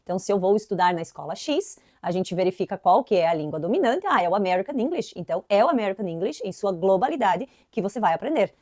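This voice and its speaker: A young woman from southern Brazil, with an inland Santa Catarina Brazilian Portuguese accent, teaches an English lesson in a casual, chatty way. Her mid-range voice runs fast with few pauses and lively emphasis, frequently tagging lines with "né", on a dry, clean studio recording.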